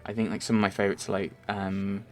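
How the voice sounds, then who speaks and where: Over faint game music, a young man from Merseyside, England, fires through viewer questions as a fast talker with a fairly low, flat delivery. The voice-over is casual and rambling, with frequent ums and self-corrections.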